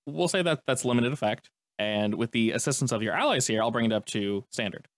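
A man runs a tabletop roleplaying game, narrating scenes at a brisk clip. His delivery is conversational and descriptive, and he explains as he goes. The sound is dry and close, with little room to it. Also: medium pitch, lively intonation, no echo. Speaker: game master.

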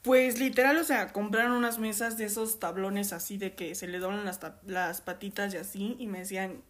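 A woman's voice: medium pitch, brisk. A woman from Mexico with a Mexican accent, chatting casually and telling stories from a film shoot as a guest on a podcast. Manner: animated storytelling, acts out quoted voices. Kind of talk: casual chat.

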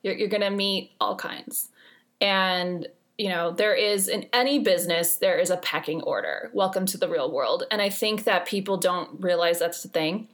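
A woman's voice: lowish voice, normal speed, fairly bright tone. A woman in her forties hosting a podcast, giving casual advice in a chatty way with dry humor and lots of fillers. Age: 40s. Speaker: podcast host.

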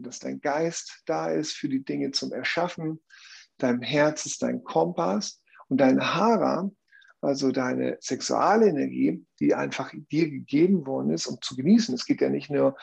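A man's voice: mid-range voice, a little slow, creaky, a little mellow, husky. A man explaining a view earnestly in conversation, often checking in with tag questions.

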